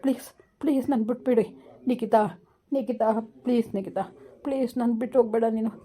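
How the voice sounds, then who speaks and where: A woman acting as a threatening young husband who brandishes a knife in a village comedy skit, shouting insults and warnings. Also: fairly high pitch, fairly even intonation, fast talker, lightly acted. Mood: pleading.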